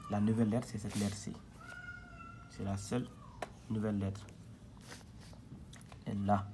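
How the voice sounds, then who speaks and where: A man's voice: fairly low pitch, little pitch movement, normal speed, background noise. A man teaching a reading lesson at a board, patient and repetitive, spelling out syllables one by one.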